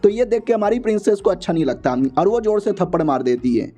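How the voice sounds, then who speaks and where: A man retells a story in a chatty, conversational way. His voice sits high and sounds mellow and soft. He keeps it casual, like talking to friends. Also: sing-song, fast talker. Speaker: story explainer.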